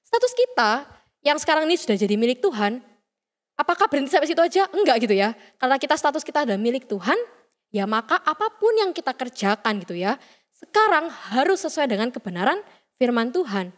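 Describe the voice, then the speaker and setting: A young woman gives a chatty youth sermon, playfully acting out the voices she quotes. Her voice sits high and her words come fast. A long hall reverb trails behind her. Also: big pitch swings. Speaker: youth service speaker.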